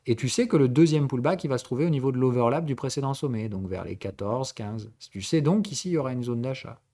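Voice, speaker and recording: A man from southern France hosts a live-streamed trading lesson and answers questions from the chat as they come up. His voice sits in a middle pitch. He explains in a relaxed, conversational way and keeps stopping to check that the audience is following. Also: fast talker. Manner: conversational tutoring, mixing formal and familiar address. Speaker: trading instructor and stream host.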